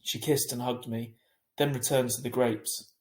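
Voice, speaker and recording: A man narrates a children's novel in expressive audiobook fashion, as a teacher might, animatedly performing the dialogue. He speaks a little slowly in a medium-pitched voice, and the sound is reverberant.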